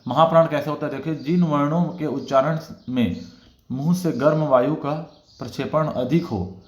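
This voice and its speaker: A man's voice: fairly high pitch, normal speed. Man explaining exam answers, echoey room. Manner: explanatory, repeats "theek hai" as filler. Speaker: exam prep teacher.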